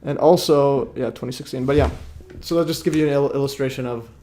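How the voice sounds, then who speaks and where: A man hosting a livestream, born in Iraq, sounding a bit tired. His voice sits at an ordinary mid pitch. He rambles through his points with fillers and false starts. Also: brisk, dark tone. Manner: rambling, many fillers and restarts. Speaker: livestream host. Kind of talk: casual livestream chat.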